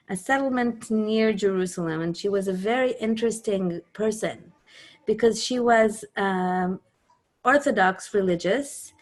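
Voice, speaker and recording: A mid-range female voice belongs to an Israeli musician whose native language is Hebrew. Chatting casually on a video call, she hunts for words, pausing often and restarting her sentences.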